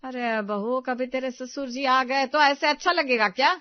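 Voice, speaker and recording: A woman voicing a strict, bossy middle-aged mother-in-law who scolds in a loud, commanding voice. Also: sits high, moderate pace, no echo, voice pushed up, close to an everyday voice. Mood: scolding. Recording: slightly dull, dry close recording.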